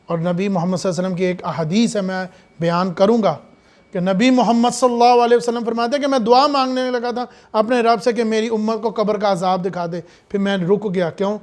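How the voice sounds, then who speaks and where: A man preaching a sermon, swinging from hushed asides to loud, impassioned lines with many rhetorical questions. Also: sits high, fairly even intonation.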